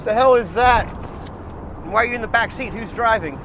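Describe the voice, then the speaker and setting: A man's voice: very high-pitched, moderate pace, background noise. A man playing a grumbling, sarcastic sidekick, trading wisecracks in comic banter. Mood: bewildered, annoyed. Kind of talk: comedic banter.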